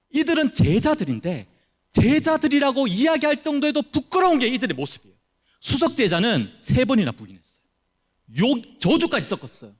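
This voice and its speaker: A male pastor preaching a sermon, animated, acting out the people he quotes. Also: extremely high pitch. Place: church sanctuary.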